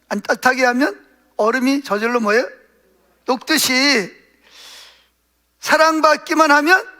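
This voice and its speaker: A male pastor delivers a sermon in a very high voice, asking the congregation questions and answering them himself. When he quotes prayers, he acts them out more softly.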